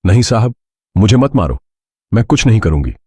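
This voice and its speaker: A man voicing a young undercover woman officer who pleads, then speaks firm and commanding, in a low husky voice. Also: moderate pace, dry recording, studio quality. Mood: screaming.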